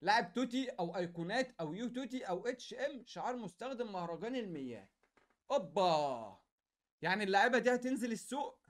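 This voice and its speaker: A young man with an Egyptian Arabic accent doing casual, slangy gaming commentary in an excitable, repetitive way. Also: high voice, fast talker. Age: young adult. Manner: excitable, slangy, chatty, repeats phrases. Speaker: gaming YouTuber.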